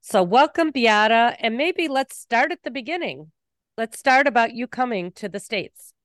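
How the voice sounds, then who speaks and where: A middle-aged woman hosting a podcast, reading an introduction and asking her guest questions in a measured way. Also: fairly high pitch, expressive, a bit bright, no echo, studio quality. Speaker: podcast host. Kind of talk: interview host.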